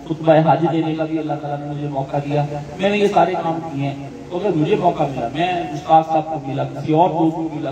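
Man preacher with Pakistani Urdu accent, animated, laughs often, higher voice, miked from afar in a roomy hall with people around. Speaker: religious teacher. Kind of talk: religious talk with questions from listeners. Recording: echoey hall mic from far off, crowd behind.

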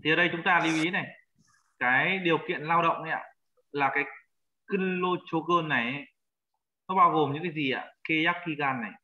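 A man leads a language lesson, patient and repetitive as he drills vocabulary. His voice sits a little high. The audio is dull and lo-fi, like an online class call. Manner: patient, repeats words slowly for learners. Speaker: teacher.

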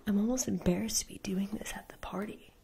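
Woman acting a snippy popular girl, whispered role-play, creaky. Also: mid-range voice, fast talker, mellow, close to an everyday voice. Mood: snippy, exasperated. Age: young adult. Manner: mock-sweet, snippy, condescending. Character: snooty mean popular girl at a party. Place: small indoor room, seated before camera.

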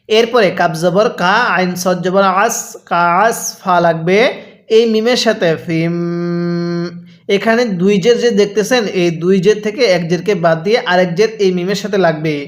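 A man teaching Quran reading, spelling out letters and drawing out words slowly for his students to repeat. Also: high-pitched. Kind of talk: Quran recitation lesson.

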